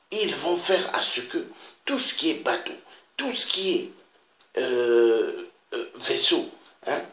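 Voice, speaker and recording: A man from Africa making an impassioned, repetitive public appeal, pleading with his listeners and pausing on interjections. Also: medium pitch, bright, forceful tone. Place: Paris. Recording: echoey room with faint noise.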